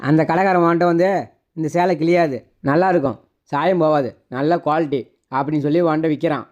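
A man's voice: a little high, steady tone, fast talker, darkish tone, lo-fi sound. A man playing the husband in comic skits, dry and grumbling. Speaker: comedy sketch performer.

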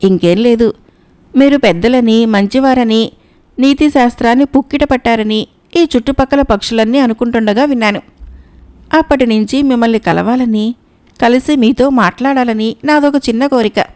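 A woman's voice: fairly high pitch, moderate pace, a little mellow, natural voice. A woman voicing a sly male cat who poses as pious and meek, talking in a fawning, pleading way. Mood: pleading flattery. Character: sly male cat feigning holy meekness.

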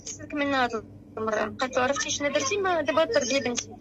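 Young Moroccan woman, distressed testimony, very fast, crowd noise behind. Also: high-pitched, lively intonation, low-quality recording. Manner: distressed, rushed, recounting. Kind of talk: emotional personal testimony.

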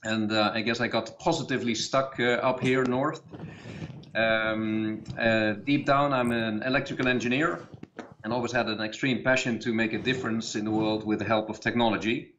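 A middle-aged man speaks over a video call, his voice a touch low and the audio somewhat muffled. He talks in a friendly way, pausing with plenty of fillers. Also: fairly even intonation, fairly bright tone, slight background noise. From Netherlands. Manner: friendly, hesitant with many fillers. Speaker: guest company CEO. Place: office with a chair behind.

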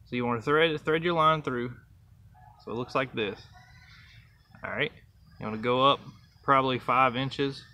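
A man's voice: medium pitch, fairly even intonation, normal speed, long pauses, bright, forceful tone. A young man, casually demonstrating a fishing knot outdoors, counting the steps aloud. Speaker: fishing channel host. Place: outdoors by trees and a truck. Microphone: camera close up, held near face.

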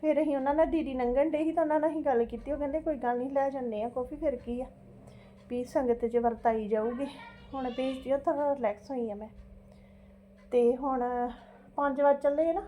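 A middle-aged Punjabi woman with a high, soft-edged voice tells a story to her vlog viewers. She is fretful and exclamatory, circling back over her points and tagging phrases with little questions for agreement. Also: fairly even intonation, brisk, a little hiss or hum. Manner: fretful and exclamatory, repeats herself, seeks agreement with tag questions. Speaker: home vlogger. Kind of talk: casual chatty storytelling to viewers.

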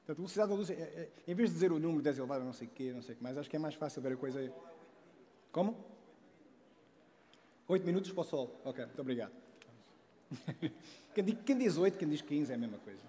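A man's voice: on the high side, fast, pauses often. A man in his forties with a European Portuguese accent, giving a casual public science talk on a large auditorium stage through a headset mic, full of restarts and tag questions. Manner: animated, many restarts and "não é?" tags, joking asides. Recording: long hall reverb.

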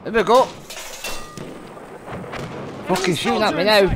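A man giving excited, foul-mouthed commentary over his shooter gameplay, taunting enemies and laughing. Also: sits high, measured pace, noisy background. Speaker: gamer narrating his clips. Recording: gunfire and music behind the voice. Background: gunfire and music from the game.

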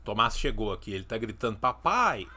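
A man's voice: on the low side, sing-song, a little fast, bright, forceful tone. A man in his thirties with a Brazilian accent, hosting a casual live reaction stream with emphatic, ironic asides.

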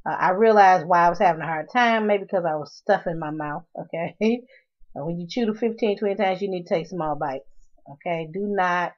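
A middle-aged woman talks straight to her camera at home in a frank, grumbling, chatty way. Her voice sits fairly low. The sound is dull and lo-fi, like a cheap home video. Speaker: vlogger. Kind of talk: casual vlog talk to camera.

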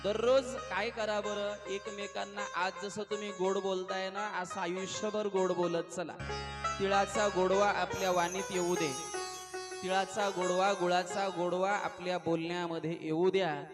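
A man's voice: high-pitched, flat delivery, a little slow. A man giving a devotional storytelling sermon, acting out the characters' lines and putting questions to the audience. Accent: Marathi. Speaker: kirtan preacher. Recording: live with accompanying instrumental music.

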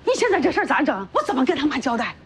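A woman's voice: sits high, sing-song, crowd noise. A fussing Northeastern mother. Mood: scolding. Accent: Northeastern Chinese. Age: older. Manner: fussing, scolding, quick to soothe. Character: fussing older village mother, anxious, scolding. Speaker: mother of Bingkun. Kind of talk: TV drama acting.

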